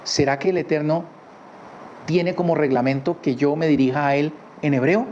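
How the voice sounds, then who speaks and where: A man teaching a religious lesson from his home in a conversational way, often adding quick tag questions. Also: fairly high pitch, steady tone, a little mellow. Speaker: Torah teacher. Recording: slightly dull recording with faint background noise.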